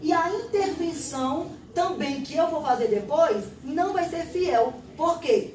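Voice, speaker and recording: A woman's voice: high voice, a little mellow, a little hiss or hum. A woman with a Brazilian Portuguese accent, a literacy teacher explaining a classroom test step by step and acting out exchanges with pupils. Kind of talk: instructional explanation. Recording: roomy echo, distant mic.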